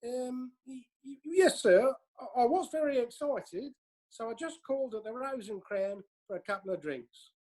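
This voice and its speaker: A man's voice: very high voice, lively intonation, moderate pace, mellow. A man playing a nervous, stammering defendant in an amateur courtroom audio drama. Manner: hesitant, stammering.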